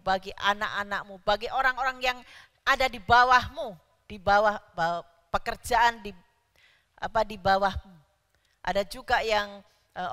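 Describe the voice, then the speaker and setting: A woman preaching a sermon in a church, stressing key words loudly. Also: mid-range voice. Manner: emphatic, rising to loud stresses on key words. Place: church hall. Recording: church hall reverb.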